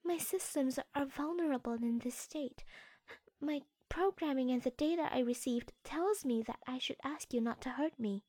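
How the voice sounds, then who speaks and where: A woman's voice: sits high, moderate pace, mellow, no room sound. A woman voicing a compliant female android, with precise, programmed-sounding delivery. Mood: smooth, compliant.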